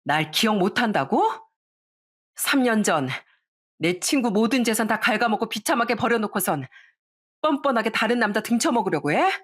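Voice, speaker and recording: A woman's voice: fairly high pitch, animated, normal speed, a bit bright, breathy edge, voice pushed up. A woman voicing a stern wedding shop employee who accuses and confronts someone in a storybook narration. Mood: furious.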